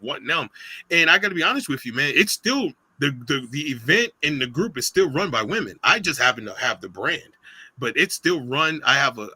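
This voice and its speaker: A middle-aged man talks like a podcast guest, animated and emotional, often restarting his sentences and acting out quotes. His voice is bright and forceful, and it is recorded dry and close with little room sound. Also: mid-range voice, no room sound, rough recording. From United States. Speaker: podcast guest, business founder. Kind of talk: casual storytelling interview.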